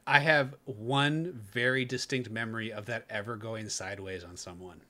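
A young man who is a former Navy corpsman, telling a war story in casual podcast chat, profane and animated, laughing through his punchlines. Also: lowish voice, normal speed.

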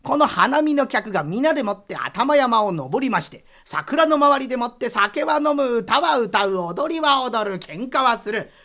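A woman's voice: fairly high pitch, sing-song, moderate pace, few pauses, fairly bright tone. A woman narrating a comic rakugo tale in polite storyteller's speech.

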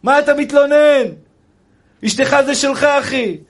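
Young rabbi guy preaching hard, really high voice for a man, keeps saying brother. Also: fairly even intonation. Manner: impassioned preaching, addressing listeners as brother. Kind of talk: sermon.

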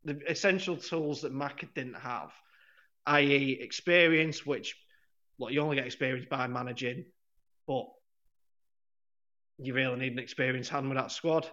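A man co-hosting a football podcast chats casually, rambling, correcting himself, and laughing often. His medium-pitched voice is bright and forceful at a normal speed with frequent pauses, and the sound is dull and lo-fi.

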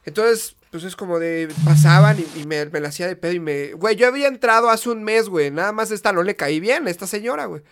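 A man's voice: high-pitched, animated, fast, hardly any pauses. Slangy young Mexican man telling a story. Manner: slangy, profane, laughing, swears. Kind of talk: casual storytelling among friends.

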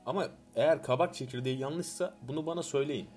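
A young man co-hosting a relaxed chat, tossing out easygoing banter at a brisk clip. His voice sits at a middle pitch. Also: faint music behind. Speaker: podcast co-host. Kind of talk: casual chat.

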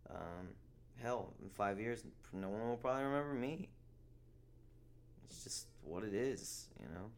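Slow-talking, profane podcast host. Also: male voice, lowish voice, slight background noise. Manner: profane, rambling, sarcastic. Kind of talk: casual solo podcast rant.

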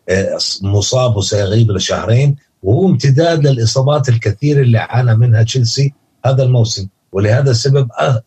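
Male football analyst, Levantine Arabic accent, very raspy and relaxed, casual talk with frequent self-corrections. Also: medium pitch. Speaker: football pundit, podcast guest.

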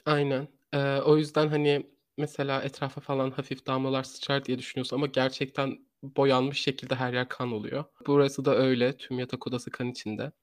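A man's voice: medium pitch, level tone, brisk, few pauses, dry recording, clean studio sound. A man hosting a true crime podcast in a conversational way, often repeating and rephrasing his sentences as he searches for words.

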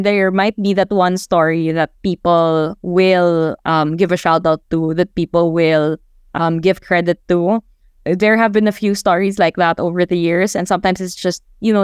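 In a lowish, clean voice, a Filipino woman in her twenties, a journalist, answers interview questions reflectively and conversationally, sometimes slipping Tagalog into her English. Her Filipino accent is clear, and the studio-quality recording has no room sound.

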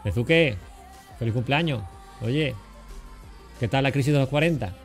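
A man's voice: medium pitch, a little slow. Man, 40s, from Cádiz, joking interview host with lots of fillers, faint music behind. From Cádiz, Spain. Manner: banters and teases, many fillers and restarts. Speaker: podcast host. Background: faint background music.

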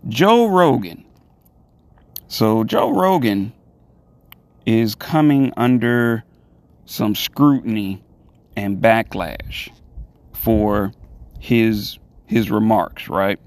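A man hosting a solo podcast, giving commentary in deliberate, halting phrases with repeated words and emphatic pauses. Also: fairly low pitch, a little mellow, no room sound. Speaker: podcast host.

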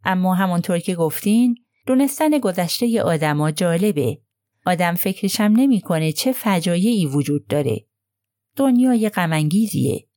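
A woman's voice: on the low side, lively intonation, dark tone, no echo, clean studio sound, lightly acted. A woman voicing a gossipy middle-aged nurse who talks in a hesitant, confiding way.

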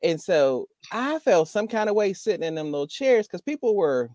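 Woman co-host, casual storyteller, lively pitch, dry close sound. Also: normal speed, dry recording. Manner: animated storyteller, laughs often, acts out quotes. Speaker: podcast co-host. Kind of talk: casual chat. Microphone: remote call mic.

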